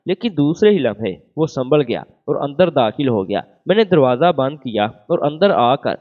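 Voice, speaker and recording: A man reading a romantic first-person story as scripted narration, voicing every part in the same even voice. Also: mid-range voice. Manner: reads all parts in one even voice. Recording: phone-like narrow band.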